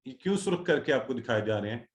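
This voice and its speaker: A man's voice: medium pitch, very animated, fast, reverberant. A male teacher leading an online class, patiently drilling word forms and calling on students one by one. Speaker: Quran Arabic teacher.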